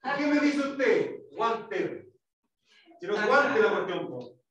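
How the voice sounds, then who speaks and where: A man's voice: very high-pitched, big pitch swings, normal speed, a bit bright, highs cut off. A male English teacher giving a classroom lesson, explaining step by step, quizzing students and demonstrating sounds. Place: school classroom. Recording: echoey classroom, mic far off.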